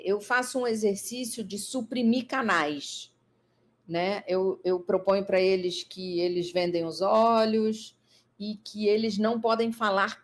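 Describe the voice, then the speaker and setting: A woman with a Brazilian Portuguese accent, a psychologist guest explaining her ideas in a conversational talk, thoughtful and full of fillers and restarts. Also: medium pitch. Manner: thoughtful, many fillers and restarts, lively emphasis.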